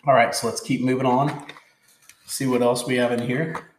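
A man in his forties hosts a fishing channel, eagerly unboxing lures in an indoor room with a logo backdrop. His medium-pitched voice stays level at a normal speed, and he's enthusiastic and chatty, often repeating words. The audio is poor and roomy, with slight background noise.

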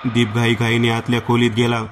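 A man's voice: mid-range voice, monotone, brisk, slight background noise. A man with a Marathi accent narrating a horror story in a scripted storytelling style, voicing all the characters himself.

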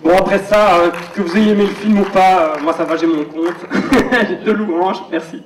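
A man's voice: high-pitched, steady tone, normal speed, background noise. A man, a film director, chatting casually and teasing himself at a premiere Q&A. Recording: echoey hall, distant dull mic.

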